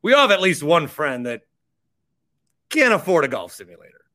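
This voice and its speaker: He hosts a sports podcast in a slightly high, sharp, sing-song voice at a moderate pace. Between sponsor reads, he chats with strong opinions and keeps repeating phrases to stress them.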